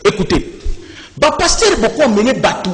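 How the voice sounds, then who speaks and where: A man with a Congolese accent, a religious speaker in a debate, preaching with fiery declaiming that rises to shouts. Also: high voice, sing-song, normal speed, slight background noise. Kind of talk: impassioned preaching in an interview. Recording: echoey reverberant room.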